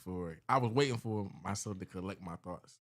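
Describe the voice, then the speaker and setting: A man with a low, deep voice co-hosts a casual podcast. He talks in a laid-back, rambling way full of slang, often trailing off and circling back to his point. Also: normal speed, a little hiss or hum. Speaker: podcast co-host.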